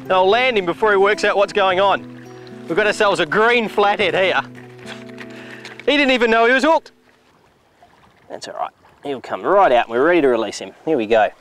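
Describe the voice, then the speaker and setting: A middle-aged Australian man, pitched a little high, demonstrates fishing outdoors by a river. He explains steadily, then breaks into enthusiasm when a fish strikes. Soft music sits faintly behind him. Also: lively intonation, moderate pace, pauses often. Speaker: fishing show host.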